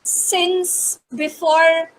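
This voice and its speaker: A woman's voice: extremely high pitch, level tone, extremely slow, low-quality recording. A woman, a guest lecturer giving thoughtful answers in a webinar Q&A over a video call.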